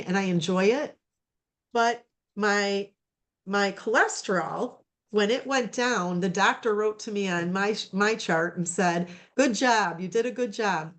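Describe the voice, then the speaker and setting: A woman giving a casual personal testimonial over a video call, rambling with many fillers and restarts. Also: medium pitch. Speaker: program client giving a testimonial.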